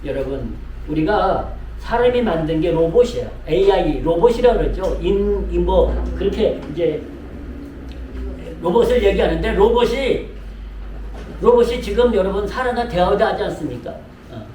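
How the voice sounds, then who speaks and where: A man's voice: high-pitched, expressive, normal speed, dark tone, slight background noise. A man preaching a sermon as pastor, speaking to his congregation with lots of repetition and direct appeals. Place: church sanctuary. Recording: echoey room mic from a distance.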